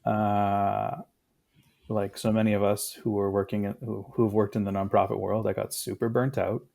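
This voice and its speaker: A man in his thirties, a guest in a casual conversation, talking in a reflective, unhurried way with fillers. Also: lowish voice, level tone, vocal fry, darkish tone.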